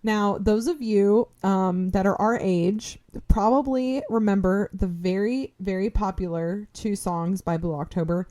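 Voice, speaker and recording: A young adult woman co-hosting a podcast in casual chat, animated and exclaiming, humming tunes. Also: mid-range voice, a little slow, few pauses. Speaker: podcast co-host.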